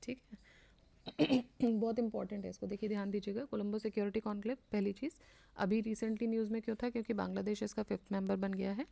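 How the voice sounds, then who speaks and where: An Indian woman teaching a current affairs revision lesson, reading English passages slowly and explaining them in Hindi, repeating the key points to her students. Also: mid-range voice, fairly even intonation, gravelly, mellow.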